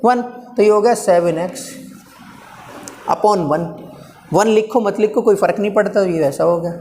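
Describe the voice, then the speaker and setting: A man's voice: sits high, a little slow, darkish tone. A male physics teacher lecturing a live class, coaxing and teasing his students as he talks through each step aloud. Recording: reverberant classroom, faint background noise.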